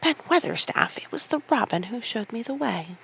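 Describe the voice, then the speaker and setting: A reader putting on a stubborn girl, insistent, gravelly, bright, lo-fi. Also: medium pitch, lively intonation, moderate pace, a little hiss or hum. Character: stubborn young girl, obstinate.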